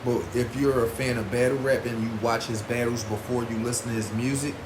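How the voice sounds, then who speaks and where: A man's voice: medium pitch, little pitch movement, brisk. A man giving casual vlog commentary as a host, in informal, slangy speech with emphatic repetition. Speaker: host reviewing battle rap artists. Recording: roomy echo with clear background noise.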